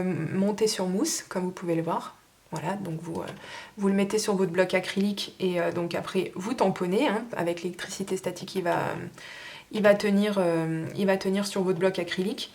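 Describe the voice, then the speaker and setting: A woman's voice: medium pitch, darkish tone. Woman chatting through her stamp sale, lots of umms, easygoing, faint hiss behind. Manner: hesitant, many fillers; chatty and informal. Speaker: crafter selling her stamps. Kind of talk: casual show-and-tell sale.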